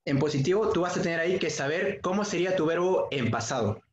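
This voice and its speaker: Male schoolteacher on a video call, patient and repetitive, slightly high voice, echoey lo-fi audio. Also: fast, a little hiss or hum. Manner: patient, repeats key points often; asks students questions by name. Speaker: secondary school English teacher. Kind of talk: online class lesson. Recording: dull, echoey room sound.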